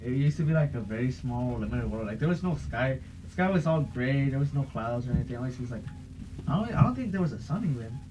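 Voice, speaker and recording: A young man hosts a podcast, rambling through a casual, profane chat. His medium-pitched voice is fast and lively in intonation. The recording sounds muffled, with a faint hiss.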